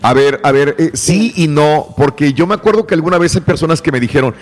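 A man's voice: on the high side, brisk. A man hosting a casual call-in radio show, affable and agreeing. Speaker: radio host. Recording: radio studio with reverb and music under.

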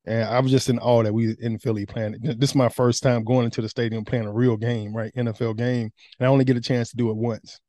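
A man telling a candid personal story in casual, animated conversation. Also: medium pitch, fast, hardly any pauses, no room sound. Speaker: guest.

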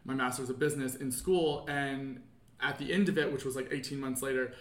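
A man's voice: medium pitch, fairly even intonation, a little fast, a bit bright, echoey room. A man in his thirties from Kentucky, a podcast guest chatting casually and rambling with lots of fillers. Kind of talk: casual chat.

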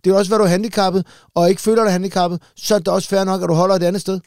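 A man's voice: high-pitched, little pitch movement, darkish tone, no echo, clean studio sound. A man, co-hosting a podcast, chatting casually in a blunt, crude and joking way. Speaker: podcast co-host, comedian. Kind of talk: casual banter.

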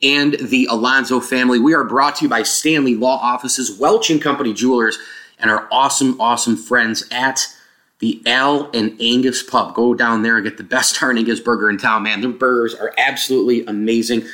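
A man's voice: medium pitch, fairly even intonation, brisk, bright, forceful tone. A man hosting a sports podcast, talking casually and emphatically, repeating himself for weight, with a hollow, echoey sound as from another room. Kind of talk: casual solo sports commentary. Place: a different room than usual, mid-move. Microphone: microphone on wrong setting.

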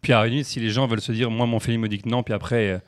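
Fast-talking man telling stories. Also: medium pitch. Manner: fast, animated, jokey storytelling with repeated restarts. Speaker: podcast guest, comedian. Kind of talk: casual chat.

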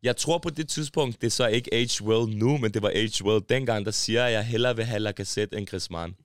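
A man's voice: fairly low pitch, clean tone, dry recording, clean studio sound. A man from Denmark, a podcast guest, talking in slangy casual chat that he tags with "bro" and "ikke?".

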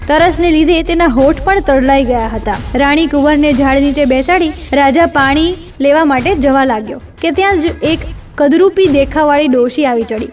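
A woman narrating a devotional folk tale in a measured, dramatic storytelling manner. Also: high-pitched, a little mellow. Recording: distant mic, faint music.

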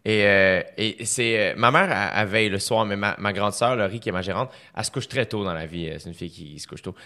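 Podcast host, Québécois man, lowish bright voice, chatty storyteller. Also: fast talker. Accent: Québécois French. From Quebec. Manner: chatty storyteller, many fillers. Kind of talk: casual conversation.

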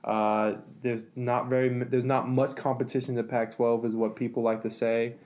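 A man co-hosting a casual sports talk show, analytical and relaxed, with many fillers and restarts. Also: mid-range voice, moderate pace, dull audio. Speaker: sports podcast co-host.

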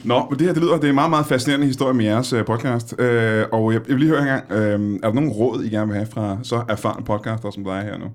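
A man's voice: mid-range voice, few pauses. A man co-hosting a comedy podcast, dry and mock-formal as he sums things up. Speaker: podcast co-host. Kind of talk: casual comedy chat.

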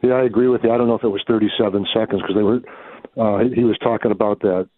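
A man co-hosting a casual sports podcast, talking football in a measured way, often hedging with "I think.". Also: on the low side, steady tone. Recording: tinny phone line.

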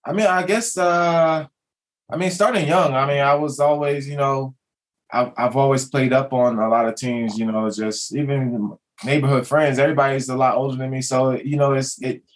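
A young man from Maryland, a former basketball player, talking as a podcast guest in a halting way with many restarts and fillers. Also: medium pitch, steady tone. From Maryland, USA. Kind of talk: casual podcast chat.

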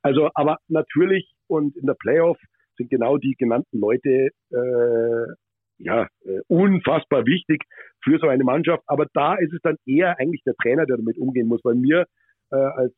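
Podcast guest: man from Bavaria, hesitant, filler-heavy, husky, on a dry phone-like line. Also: medium pitch, dry recording. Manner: hesitant, many fillers and restarts. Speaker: former hockey manager, podcast guest. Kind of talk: podcast interview answers.

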